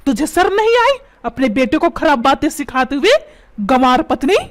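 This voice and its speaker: A woman's voice: sits high, big pitch swings, normal speed, noisy background. A woman voicing a short-tempered middle-aged father in a cartoon, scolding and repeating insults. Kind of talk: Hindi cartoon voice acting. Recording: loud background music.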